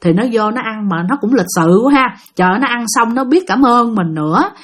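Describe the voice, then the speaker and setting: A woman with a Southern Vietnamese accent narrates a ghost story in a brisk, fairly high voice. Animated, she speaks directly to her listeners.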